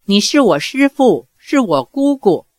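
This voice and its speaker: A woman's voice: medium pitch, big pitch swings, unhurried, a little mellow, no echo, clean studio sound. A woman voicing an earnest, anxious young male swordsman disciple in an audiobook, stammering when flustered. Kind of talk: audiobook character reading.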